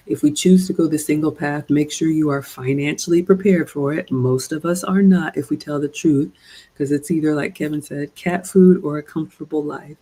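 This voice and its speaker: Gravelly low-key woman coaching earnestly. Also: warm tone, low-quality recording. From Ghana. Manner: earnest, preachy, addresses "ladies" directly. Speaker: relationship coach. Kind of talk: livestream commentary with viewer shout-outs.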